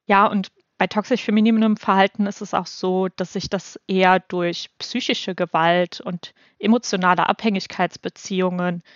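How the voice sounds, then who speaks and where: A woman of twenty-eight from North Rhine-Westphalia, co-hosting a podcast and explaining things in a measured way. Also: medium pitch, steady tone, no room sound, muffled recording. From North Rhine-Westphalia, Germany. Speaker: podcast co-host. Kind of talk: scripted podcast discussion.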